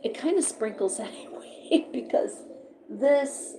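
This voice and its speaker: A woman's voice: on the high side, lively intonation, slow pace, dark tone, reverberant, a little hiss or hum, rough recording. A woman live-streaming about her pet finches, chatting casually and rambling as she reads notes aloud and comments on them. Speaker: pet bird vlogger. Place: indoor room beside a birdcage.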